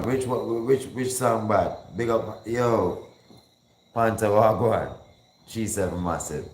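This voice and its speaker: A man's voice: lowish voice, darkish tone. A man hosting a hip hop call-in show, chatting casually and slangily as he counts down songs. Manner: laid-back, slangy, counts down songs and breaks into rapping. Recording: echoey room with faint background noise.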